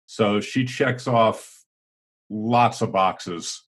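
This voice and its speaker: Middle-aged male co-host, low-pitched, deliberate talker who hedges and restarts often, casual political podcast chat. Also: a bit bright. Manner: thinking aloud, hedging with fillers and restarts. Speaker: podcast co-host, former teacher.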